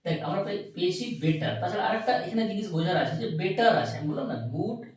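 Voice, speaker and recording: Echoey, lively male teacher. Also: high-pitched, recorded from a distance. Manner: asks students questions, then answers them himself; spells words out slowly and repeats them. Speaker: English grammar teacher. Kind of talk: classroom grammar lesson. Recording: very echoey room, recorded from afar.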